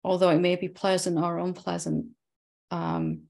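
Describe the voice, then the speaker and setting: Woman teacher leading a satsang, gravelly and lower-pitched, reflective and gently probing. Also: flat delivery, moderate pace. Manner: reflective, gently probing, ends points with tag questions. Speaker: spiritual teacher. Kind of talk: satsang dialogue with a student.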